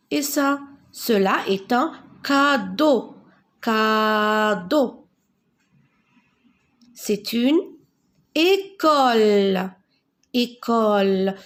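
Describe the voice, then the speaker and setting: Woman teacher, slightly high voice, very slow and deliberate, spells and repeats words for beginners. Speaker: French teacher. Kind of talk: slow classroom reading lesson.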